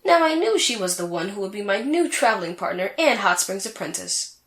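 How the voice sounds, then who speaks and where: A woman's voice: mid-range voice, sing-song, fairly quick, fairly bright tone, echoey room. A woman playing a vain, haughty sorceress in a comedic anime fan audio drama, with a boastful, theatrical delivery. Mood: smug, taunting.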